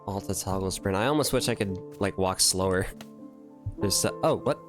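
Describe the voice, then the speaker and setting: A man streaming a video game, talking casually and excitedly, swearing and saying bro. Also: low-pitched, normal speed, music in the background. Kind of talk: casual gaming commentary.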